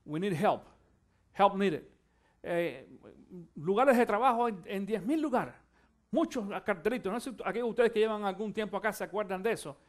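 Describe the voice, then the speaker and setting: High-voiced fervent Spanish-speaking preacher. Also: male voice, animated, moderate pace. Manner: swings from quiet musing to loud fervent exhortation; addresses listeners directly, urging them to listen. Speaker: pastor. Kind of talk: sermon.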